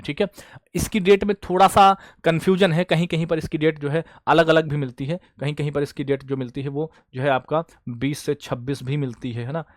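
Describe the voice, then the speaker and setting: The clean studio recording, free of room sound, captures a man with a fairly high pitch teaching online current affairs. As an exam coach, he drills students through repeated questions and answers, calling them bhaiya and beta.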